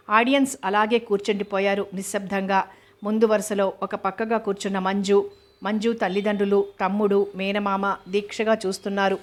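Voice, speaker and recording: A woman narrates a novel in a measured, even way. Her pitch sits in the middle and barely moves, so every line comes out in the same level tone. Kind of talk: reading a novel aloud.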